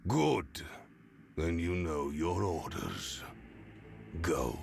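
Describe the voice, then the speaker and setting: An actor playing a stern, menacing ruler in a video game, with a low gravelly growl and a commanding, formal manner. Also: male voice, sing-song, drawn-out words, slight background noise, full character voice. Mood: cold command. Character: stern, menacing male sovereign giving orders. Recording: game music behind the voice.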